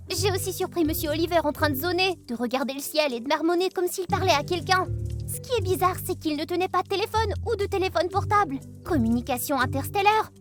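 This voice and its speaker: Very high-voiced young woman narrating. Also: fast. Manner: quirky, excitable first-person storytelling. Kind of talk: animated story narration. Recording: music behind the voice.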